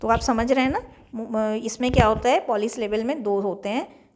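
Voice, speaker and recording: A young Indian woman teacher giving an exam revision lecture, explaining slowly and repeating key terms. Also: fairly high pitch, a little mellow.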